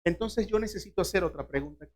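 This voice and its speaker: A man's voice: high-pitched, fast. Man preaching, pressing the congregation with questions. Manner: questions the listeners directly, acts out short biblical dialogues. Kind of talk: sermon.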